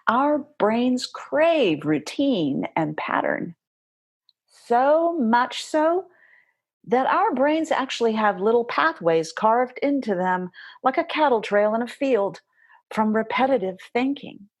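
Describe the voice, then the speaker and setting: A woman giving gentle, reassuring instruction as a meditation guide, speaking directly to the listener in deliberate phrases. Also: fairly high pitch, expressive.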